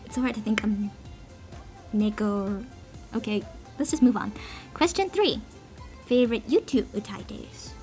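Animated yet unhurried, this dark-toned mid-range voice leaves long pauses as she chats. The amateur cover singer is answering a voice meme, giggling and making fun of herself while rambling casually to online listeners over a background song.

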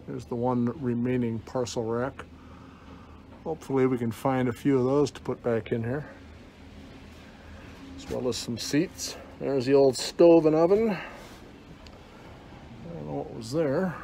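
Inside an old bus at a scrapyard, a man gives a casual, offhand walk-through, rambling a bit and joking dryly, his voice slightly muffled by a face mask. He has a mid-range voice with a dark tone. It's a noisy handheld phone recording with vehicle ambience.

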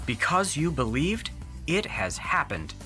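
A calm, kindly Jesus, put on by a storybook narrator. The voice stays gentle and reassuring, moving lightly up and down. Music plays beneath it. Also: mid-range voice, a little slow. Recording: music underneath.

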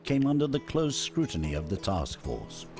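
Male narrator for nature documentary, low register, music underneath. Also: wildly swooping pitch, moderate pace.

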